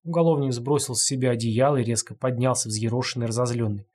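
A man narrates a dark story in a measured audiobook reading. His voice sits at a middle pitch and has a husky, breathy grain. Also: steady tone.

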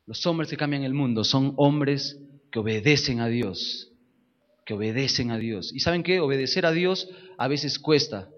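A man's voice: medium pitch, unhurried, long pauses, muffled recording. A man preaching a sermon with emphasis, repeating key phrases and putting questions to his listeners.

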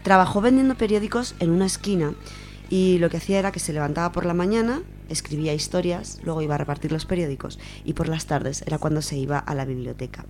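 A deep-voiced woman from Spain talks fast with a darkish tone while presenting on the radio. Her informal, semi-prepared account is explanatory, and she restates her points as she goes.

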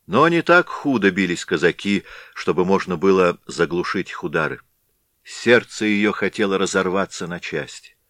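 A man narrating a classic tale in a measured, dramatic storytelling manner, recorded in a studio. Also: low-pitched, lively intonation, fairly bright tone, no echo. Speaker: audiobook narrator.

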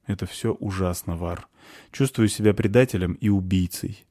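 Man voicing a guilt-ridden young man, agitated, remorseful, warm low voice. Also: normal speed. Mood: troubled.

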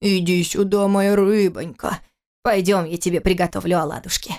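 A woman's voice: lowish voice, fairly even intonation, normal speed, darkish tone, close to an everyday voice. A woman reading an audiobook voices an older housekeeper who talks in a matter-of-fact, scolding way. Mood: fond.

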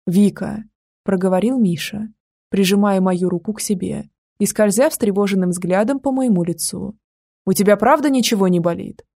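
A woman narrates a first-person audiobook in an intimate, wry manner. Her voice is dark and mellow, with a husky, gravelly texture. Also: medium pitch, no room sound, studio quality.

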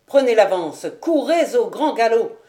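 An older nobleman, calm and used to command, given voice by a woman reading aloud. He speaks firmly and in measured phrases. The tone stays composed even in a crisis. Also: a little high.

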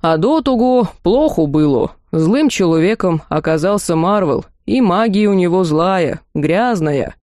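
A woman doing a gruff little house spirit. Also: on the low side, lively intonation, a little slow, hardly any pauses, darkish tone, dry recording, studio quality. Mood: relieved. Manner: folksy, rustic speech. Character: small bearded male house spirit, folksy.

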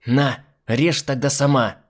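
A man's voice: fairly high pitch, very animated, moderate pace, pitched above the performer's own voice. A man doing a snappish scheming young woman. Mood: sharp, coaxing. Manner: sharp, snappish, falsely sweet.

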